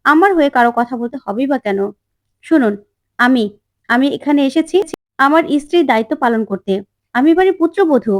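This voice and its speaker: A bold young daughter-in-law who answers back with teasing retorts, read out by a woman. Her voice sits high and quick. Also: animated. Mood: retorting.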